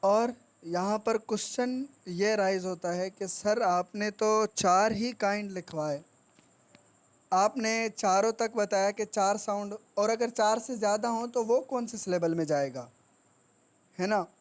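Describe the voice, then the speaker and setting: A woman teaching grammar. She speaks deliberately and repeats each word for dictation. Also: mid-range voice. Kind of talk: classroom lesson.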